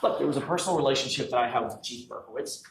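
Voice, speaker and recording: A male defense attorney in a courtroom recording, pressing a witness with rapid-fire cross-examination questions. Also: medium pitch, creaky, a crowd in the background. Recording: echoey courtroom audio, faint noise.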